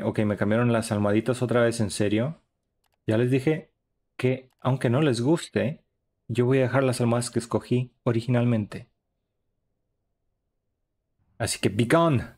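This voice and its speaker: Here a young man's medium-pitched, slightly mellow voice carries a chatty, upbeat running commentary. He's live-streaming a horror game.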